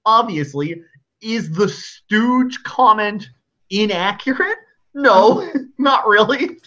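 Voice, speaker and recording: Man, podcast co-host, casual chat, lively swooping pitch, laughs often, swears, dull lo-fi audio. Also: slow.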